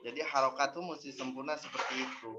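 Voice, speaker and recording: A man's voice: medium pitch, little pitch movement, fast talker. A man teaching Quran recitation in an online class, patiently explaining and drilling syllables aloud. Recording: dull audio with faint noise.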